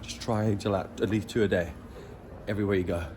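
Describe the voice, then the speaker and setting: A man's voice: lowish voice, fairly even intonation, quick pace, a little mellow, a little hiss or hum. A young man telling travel stories casually, swearing freely and chuckling as he goes. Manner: laid-back, swears freely, chuckles through anecdotes. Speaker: travel vlogger.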